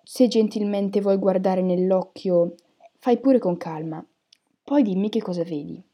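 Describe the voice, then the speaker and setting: A woman narrator gives voice to an eccentric divination teacher from a storybook. She coos softly in a warm, mellow tone, then breaks into a hard, loud trance voice. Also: mid-range voice, a little slow. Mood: sweet, coaxing. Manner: sweet and hushed, turning harsh and loud in trance. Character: eccentric female divination teacher, misty, theatrical.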